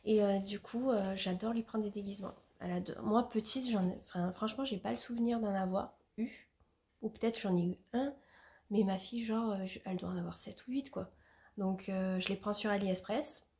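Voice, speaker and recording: A woman's voice: mid-range voice, steady tone, fairly quick, warm tone. A young woman chatting casually as a vlogger, showing gifts with many fillers and restarts. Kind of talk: casual show-and-tell chat.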